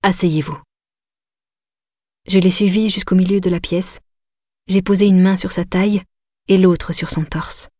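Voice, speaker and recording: A woman narrating a novel in the first person, in an intimate, measured way. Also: on the low side, flat delivery, mellow, no room sound, studio quality. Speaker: audiobook narrator.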